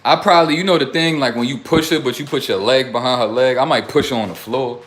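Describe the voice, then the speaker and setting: A young man livestreams casually to his chat as a self-styled life coach, rambling and drifting between topics in loose streetwise slang. He comes across blunt and preachy. His voice is medium-pitched and a bit bright, and he talks fast.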